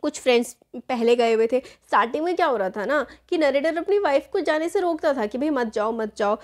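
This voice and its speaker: A young woman talks through a school chapter in a relaxed teaching tone. Her voice sits high, and she keeps rephrasing to make each point clear. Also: fairly quick. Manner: explains in Hindi mixed with English terms, rephrases with "matlab". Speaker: teacher, channel host. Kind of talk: casual explanatory lesson.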